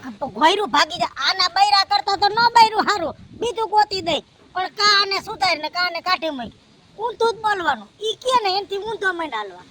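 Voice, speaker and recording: A man playing a sharp-tongued old village aunt who scolds and lectures her nephew in a comedy skit. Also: extremely high pitch, lively intonation, brisk, a crowd in the background. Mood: advising. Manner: scolding, preachy advice. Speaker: comic actor.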